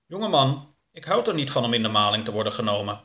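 A man's voice: medium pitch, very animated, fast talker, sharp tone. A man voicing a stern, lecturing male activist. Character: stern, pious middle-aged male activist.

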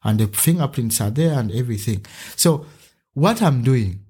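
A man from Uganda, a teacher and podcast guest, talking in an animated conversational interview style. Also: moderate pace, breathy edge. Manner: animated storyteller, acts out a child's voice with a higher pitch.

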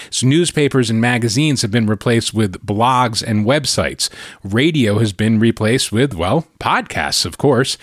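A man's voice: mid-range voice, no room sound. Conversational male podcast host, dry sound. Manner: conversational, explanatory, with frequent tag questions. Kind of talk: solo podcast monologue.

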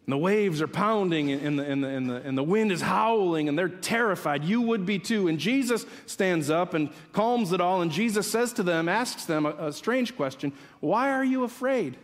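A man preaching a sermon, telling the story dramatically, dropping to hushed whispers and rising to urgent calls. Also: sits high, lively intonation, moderate pace, few pauses. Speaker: pastor. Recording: long hall reverb.

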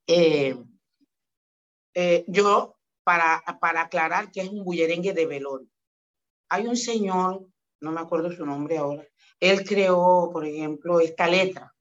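A woman's voice: on the low side, a little slow, lo-fi sound. Woman telling stories. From Palenque, Colombia. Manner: warm affectionate storytelling, says "mijo" and "mi amor". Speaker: dance group director and singer. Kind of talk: casual interview talk with sung excerpts.

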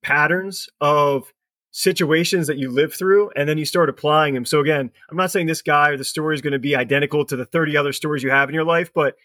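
A man's voice: on the high side, steady tone, bright, forceful tone. A man hosting a sales podcast, asking questions and talking straight to the listeners. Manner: fast, chatty, addresses the listeners directly. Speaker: podcast host. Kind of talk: casual podcast interview.

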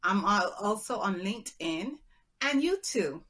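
A woman from Barbados with a Barbadian accent, chatting as a guest in an interview in a measured, upbeat way. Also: medium pitch, animated, fairly bright tone. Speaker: guest entrepreneur. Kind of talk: casual interview chat.

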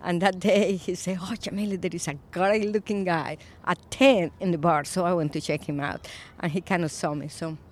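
A Colombian-born woman in her fifties, an Episcopal priest, speaking thoughtfully in a recorded interview, with frequent pauses and fillers. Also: on the low side, steady tone. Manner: reflective, soft-spoken with frequent pauses and fillers.

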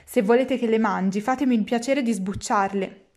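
A woman's voice: on the high side, normal speed, a little mellow, lightly acted. Woman doing whiny Pinocchio, puppet boy. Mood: fussy stubborn. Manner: whining, petulant pleading.

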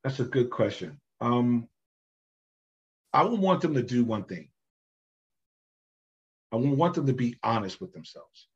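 Male podcast guest, husky tone, slightly muffled recording, emphatic and animated delivery. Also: medium pitch, a little slow, pauses often. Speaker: podcast guest, business systems founder. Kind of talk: conversational podcast interview.

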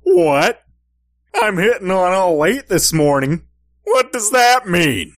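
Comic radio detective: dopey cartoonish lug, good-natured, exclaims in big pitch swings, close dry sound. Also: male voice, big pitch swings, a little slow, fairly bright tone, no room sound, full character voice. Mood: puzzled. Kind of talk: comic radio-play acting.

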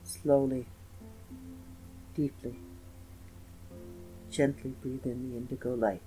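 A man narrating a scripted guided meditation in a slow, gentle, soothing manner with pauses. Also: medium pitch, little pitch movement, poor audio. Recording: voice over meditation music. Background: soft instrumental music with guitar.

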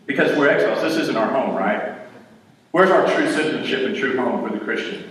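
A man's voice: medium pitch, animated, a little fast, a bit bright. A man preaching a sermon as pastor to his congregation in a large church, talking conversationally and throwing rhetorical questions at the room. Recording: echoey hall from far off.

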